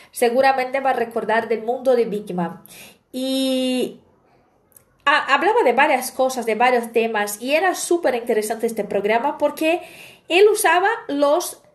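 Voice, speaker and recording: High-voiced woman teaching casually. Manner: chatty, explaining with anecdotes and frequent "¿bien?". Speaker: language teacher. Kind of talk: online language lesson.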